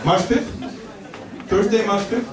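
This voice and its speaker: At a comedy venue with a live audience, a man hosts a show doing stand-up crowd work, teasing people and chuckling often between lines. His voice is high, with fairly even intonation and a measured pace. The room is echoey, the mic is far off, and the loud crowd creates heavy background noise.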